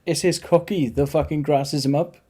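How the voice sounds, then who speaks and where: A man's voice: fairly high pitch, fairly even intonation, normal speed, dark tone. A man co-hosting a casual podcast, blunt and swearing casually. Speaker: podcast co-host. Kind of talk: casual chat.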